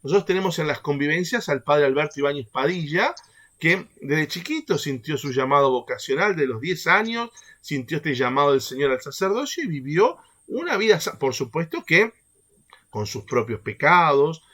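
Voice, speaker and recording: Lively man leading a faith workshop. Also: on the high side, normal speed. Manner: animated, keeps checking in with the group through rhetorical questions. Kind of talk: teaching a catechesis workshop.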